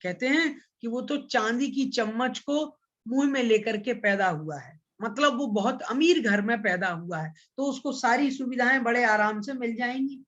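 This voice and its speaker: A man teaching an online scripture class, patiently explaining and repeating points, and chanting Sanskrit verses slowly. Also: extremely high pitch, fairly bright tone, lo-fi sound. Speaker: religious studies teacher.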